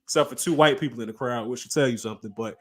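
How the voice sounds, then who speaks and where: Animated man chatting on a podcast. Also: mid-range voice, rapid-fire. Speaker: podcast co-host. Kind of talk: casual chat.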